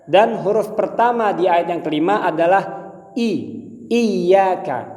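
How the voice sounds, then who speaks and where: A high-pitched male teacher with an Indonesian accent gives a recitation lesson. He over-enunciates, shaping each syllable with great care as he explains and demonstrates. His voice rings with echo and a long reverb tail. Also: moderate pace, darkish tone. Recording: echoey, long hall-like reverb.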